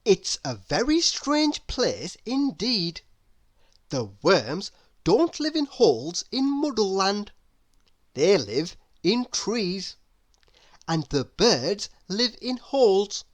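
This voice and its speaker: A woman with a medium-pitched voice reads a children's storybook aloud, telling the story in a deliberate, expressive way.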